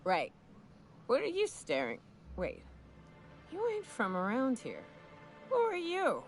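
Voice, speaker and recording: A boozy, swaggering frontier hunter. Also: female voice, high-pitched, wildly swooping pitch, slow pace, breathy edge, soft background music, exaggerated voice. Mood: boozy storytelling, then tipsy, brash. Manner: boozy, rambling, drawling folksy delivery with stumbles. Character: drunk, swaggering frontier woman monster hunter, crude and folksy. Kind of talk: video game dialogue acting.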